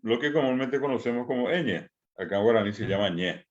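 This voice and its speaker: A middle-aged man teaching an online language class, explaining patiently and repeating sounds slowly for his students, with frequent hesitant fillers. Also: medium pitch, lively intonation. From Paraguay. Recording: dull lo-fi online class audio.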